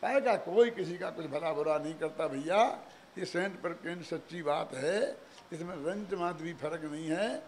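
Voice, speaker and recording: An older man giving a religious discourse, animated, full of rhetorical questions and chuckling asides. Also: fairly high pitch, normal speed, slight background noise. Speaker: preacher.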